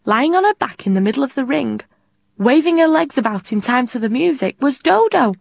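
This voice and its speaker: A woman's voice: high-pitched, a little fast, vocal fry. Woman reading a children's story aloud. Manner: expressive, lively narration.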